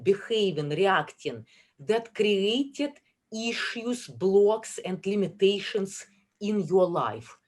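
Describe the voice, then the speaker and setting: A woman hosting a webinar over a video call, speaking slowly and deliberately and pausing between the words in a list. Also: mid-range voice, darkish tone. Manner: slow, deliberate, listing words one by one. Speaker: webinar host. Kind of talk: guided webinar talk.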